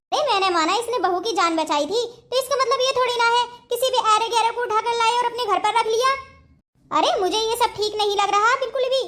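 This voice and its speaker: A woman voicing a scheming, suspicious older aunt in a cartoon family story, nagging and meddling in a very high, thin voice. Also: a bit bright. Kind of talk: cartoon voice acting.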